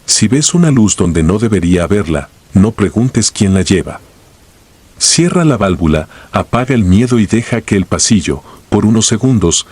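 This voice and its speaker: A man's voice: lowish voice, darkish tone, slightly rough. A man reading first-person horror stories aloud in a somber, grave storytelling manner.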